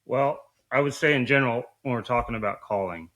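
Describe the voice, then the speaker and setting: A man's voice: medium pitch, brisk, a bit bright. A man giving conversational instruction as a coach, explaining things in an informal, colloquial way. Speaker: duck calling coach.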